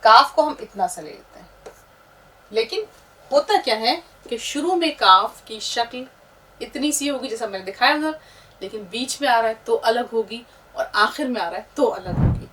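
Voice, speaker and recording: Female teacher, higher voice, patient explainer, mic a touch distant. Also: lively intonation, moderate pace, bright, forceful tone. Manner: patient, explaining, pointing at letters as she writes. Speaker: Urdu teacher. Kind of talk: step-by-step script lesson.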